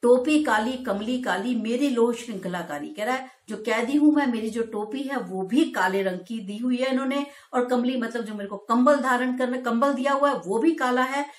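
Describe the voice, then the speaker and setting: A woman teacher explaining a Hindi poem to school students, reciting the verse lines slowly and with feeling, then explaining them in plain speech. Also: on the high side, roomy sound.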